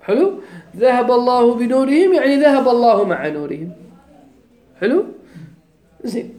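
A man's voice: high-pitched, darkish tone. A man with a Kuwaiti accent teaching a grammar class, explaining step by step and often checking that his students follow. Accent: Kuwaiti Arabic. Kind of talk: classroom lecture. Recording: echoey room.

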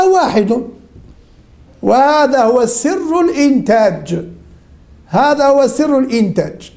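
A religion teacher with a high-pitched, darkish-toned voice leads an interactive lesson. She asks the same question over and over, calling on students by name until someone answers.

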